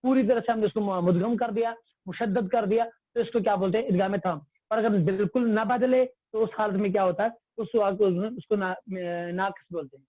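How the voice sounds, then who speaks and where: A male tajweed teacher with a high voice leads an online religious class over a video call on a phone or computer mic. He's patient and repetitive, quizzing the class by asking and answering his own questions. The sound is dry and close with no room sound, but tinny like a phone call.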